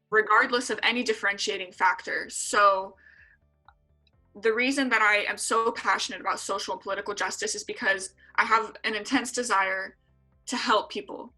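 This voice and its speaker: An EMT in her twenties, from San Diego, California, is a guest in an interview, replying earnestly and often using filler words. Her voice is medium-pitched, bright, and forceful, and the audio is poor.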